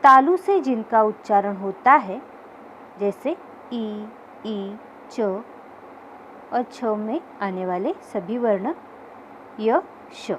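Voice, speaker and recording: A woman reading a grammar lesson as a teacher, explaining slowly and carefully and sounding out letters one by one. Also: medium pitch, animated, poor audio. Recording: faint background noise.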